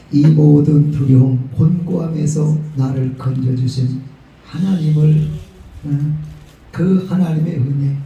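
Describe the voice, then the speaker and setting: Gyeongsang-accented man, storytelling preacher, dark gravelly tone, booming hall echo. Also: far from the mic, muffled recording. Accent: Gyeongsang Korean. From Gyeongsang region of Korea. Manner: lively storytelling preacher, acts out quotes. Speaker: pastor. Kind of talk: sermon. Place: prayer retreat hall. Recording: very echoey hall, voice from off the mic.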